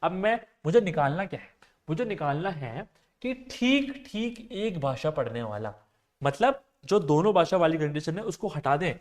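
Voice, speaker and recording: A man with a high-pitched voice gives an exam-prep maths lecture. He works through each problem step by step, mixing in terms, and keeps asking his students whether they follow. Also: animated, normal speed. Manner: explains step by step, often asks students if they understood. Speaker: maths and reasoning teacher.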